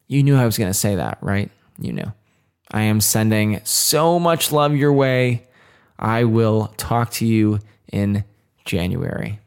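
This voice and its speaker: Man, podcast host, casual solo monologue, earnest, rambling, somewhat low voice. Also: a little mellow. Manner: earnest, rambling with many fillers and restarts.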